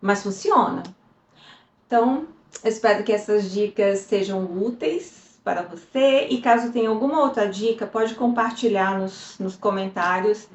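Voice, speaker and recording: A woman's voice: medium pitch, measured pace, echoey room, lo-fi sound. A woman, explaining in a casual teaching video with frequent check-ins. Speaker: Hebrew teacher.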